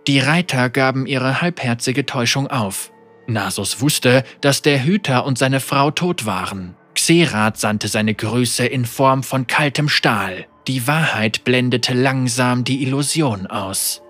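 A man reading a dark fantasy story aloud as a measured audiobook narration. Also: medium pitch, soft background music.

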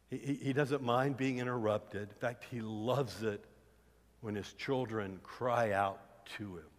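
A man preaching a sermon as pastor, moving from soft, low passages to loud, pleading cries. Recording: long hall reverb.

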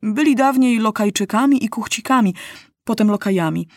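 A woman's voice: a little high, animated, moderate pace, darkish tone, no echo, clean studio sound, pitched above the performer's own voice. A woman voicing a humble, pleading male master of ceremonies at a royal court in a storybook reading. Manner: deferential, pleading.

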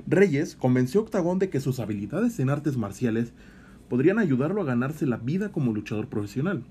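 Male narrator for wrestling profiles, animated intonation, soft dark tone, faint noise. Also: medium pitch. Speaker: co-host of a lucha libre show. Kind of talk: scripted biographical narration.

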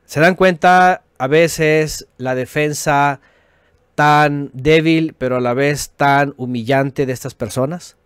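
A middle-aged man with a Mexican Spanish accent, hosting a religious podcast and teaching in a lively way, with mocking imitations of others and frequent tag questions. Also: fairly high pitch, slow, clear, resonant tone, no room sound, studio quality. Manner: laughs often, joking with viewers. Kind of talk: live-streamed teaching talk with chat.

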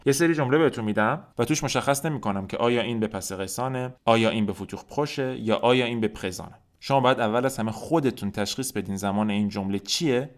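A man teaching French in a podcast lesson, explaining in his native Persian and saying each French example slowly, then repeating it. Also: fairly low pitch.

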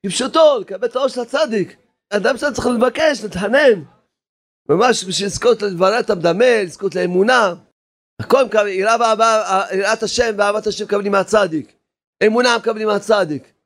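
High-voiced impassioned preaching man. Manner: impassioned, repetitive exhortation, sometimes shouting. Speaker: rabbi. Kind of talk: sermon.

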